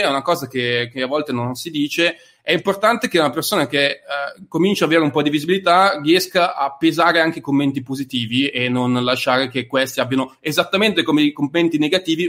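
This man speaks in a slightly higher voice than most men, thoughtful and measured as he works through his ideas. He builds his points slowly, in a calm conversational way. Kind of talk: reflective conversation.

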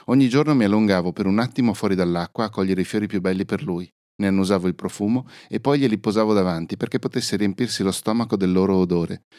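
A man narrating a fairy-tale story in a calm, even storytelling manner. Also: sits low, no echo, studio quality. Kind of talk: scripted first-person narration.

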